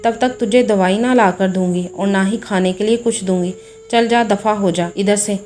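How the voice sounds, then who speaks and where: A woman's voice: mid-range voice, fairly even intonation, moderate pace, soft background music, lightly acted. A woman voicing a harsh, scheming mother-in-law who talks with scorn, in a storybook tale. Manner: scornful, sharp-tongued.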